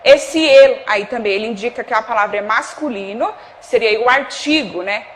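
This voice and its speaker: A woman's voice: a little high, normal speed, a little hiss or hum. A woman with a Brazilian Portuguese accent teaching a televised Spanish lesson. She checks in with the class often and gives cues to a producer off camera.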